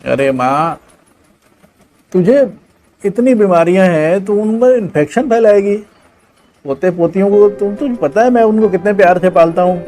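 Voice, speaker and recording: A man voicing a selfish, impatient grown son who talks in loud, pleading excuses. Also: high voice, lively intonation, normal speed, long pauses, faint music behind, pitched above the performer's own voice.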